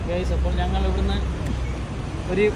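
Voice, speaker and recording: A woman's voice: fairly low pitch, little pitch movement, moderate pace. Woman vlogging over heavy crowd noise. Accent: Kasaragod Malayalam. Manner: peppers Malayalam with English words. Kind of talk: casual vlog narration to viewers. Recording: very noisy crowd and vehicle surroundings.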